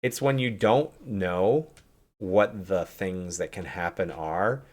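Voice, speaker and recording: A man's voice: deep voice, takes it slowly. A man hosting a casual game review chat, rambling with lots of "like" and restarts. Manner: rambling, heavy use of "like"; talks through restarts and hedges. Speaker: streamer and host.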